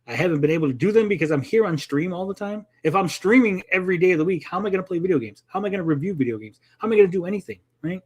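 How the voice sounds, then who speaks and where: A man's voice: high-pitched, expressive, rapid-fire, hardly any pauses, darkish tone, breathy edge. A man hosting a live stream in casual chat, often tagging his points with "right?". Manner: often tags statements with "right?".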